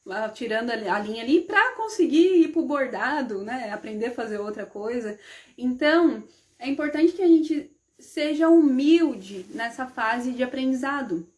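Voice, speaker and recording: A woman with a slightly high voice, talking casually on a live stream about her own life. She keeps checking in with her listeners and slips into the voices of the people in her stories. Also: animated, moderate pace. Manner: chatty, often adds "né?" and addresses the audience as "gente"; acts out the dialogue in her stories. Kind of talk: casual personal storytelling.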